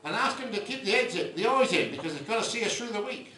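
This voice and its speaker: A man's voice: high-pitched, expressive, fast talker, roomy sound, far from the mic, a crowd in the background, pitched above the performer's own voice. An older English comedian voicing his thrifty mother giving orders in a joke. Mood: bossy.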